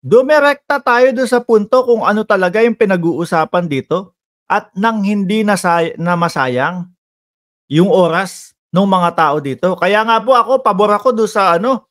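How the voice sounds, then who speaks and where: High-voiced man teasing his viewers. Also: expressive, moderate pace, fairly bright tone. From Philippines. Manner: teasing and sarcastic, addressing viewers directly. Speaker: political commentary vlogger. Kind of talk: casual live commentary reading viewer comments.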